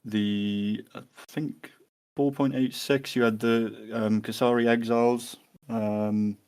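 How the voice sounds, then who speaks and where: A man's voice: mid-range voice, little pitch movement, slow pace, a little mellow, smooth. A man answering interview questions in a hesitant way, with many fillers and restarts. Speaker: guest.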